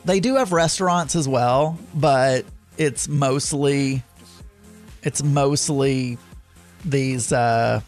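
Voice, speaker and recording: A Southern-accented man hosts a podcast, chatting casually and rambling about his weekend with lots of fillers and self-corrections. His medium-pitched voice moves slowly, with faint music in the background.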